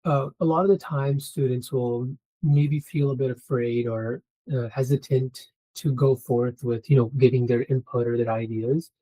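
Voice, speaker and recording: A man's voice: medium pitch, steady tone, normal speed, few pauses, mellow, rough recording. A man speaking as a student in an interview, giving encouraging, motivational advice.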